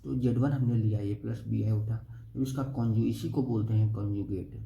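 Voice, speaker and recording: A man's voice: fairly low pitch, fairly even intonation, normal speed, gravelly, dark tone, lo-fi sound. A young man teaching a math lesson step by step, often checking "okay?" with the class. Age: young adult. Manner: explains step by step, keeps asking "okay?". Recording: echoey room with faint noise.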